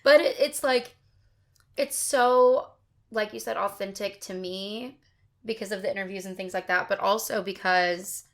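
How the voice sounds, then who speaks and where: A young woman co-hosting a podcast, talking casually and a bit haltingly about a horror short. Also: mid-range voice. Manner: hesitant, filler-laden. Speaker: podcast co-host. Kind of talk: casual film review chat.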